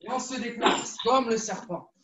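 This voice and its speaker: A woman with a high voice leads a children's judo class, coaxing and lively as she repeats every instruction. She sounds echoey and far from the mic, as if filmed across a room. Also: moderate pace, very noisy. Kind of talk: live online kids' class, story-led exercises.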